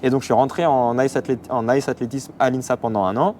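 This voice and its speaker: A man's voice: medium pitch, fairly even intonation, fast, a little mellow, slight background noise. A man in his twenties from the Paris region, a runner speaking as guest in a casual interview, hesitant with many fillers. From Paris region, France. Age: 20s. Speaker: athlete guest.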